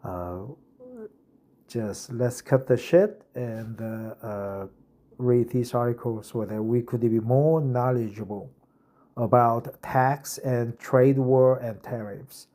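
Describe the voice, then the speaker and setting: This Korean-accented man in his fifties, a non-native English speaker from South Korea, talks slowly in a steady, dark, mid-range voice. He reads an article out loud for English practice, then explains it, peppering his speech with "uh" and "right?"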